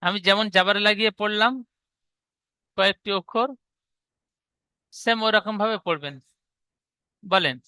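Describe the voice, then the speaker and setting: A male teacher patiently explaining how to read Arabic letters, repeating each rule slowly. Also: sits high, pushed and bright, clean tone, no echo.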